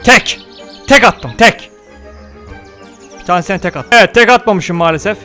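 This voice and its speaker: Man, high voice, casual game commentary, excitable, talks to viewers, soft music behind. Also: normal speed. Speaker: gaming YouTuber. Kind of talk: casual let's-play commentary.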